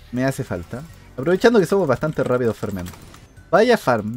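A man giving casual commentary over his own gameplay, animated, bursting into sudden shouts and sound effects. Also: mid-range voice. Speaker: gaming streamer.

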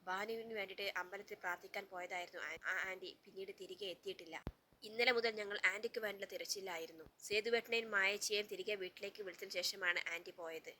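A woman's voice: medium pitch, fairly even intonation, quick pace, bright, forceful tone, slight background noise, natural voice. A woman voicing an anxious young husband who earnestly explains a hidden truth.

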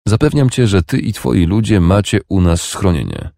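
A man playing a calm young jarl. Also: lowish voice, creaky, no room sound, studio quality, voice pushed up. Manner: calm, measured replies.

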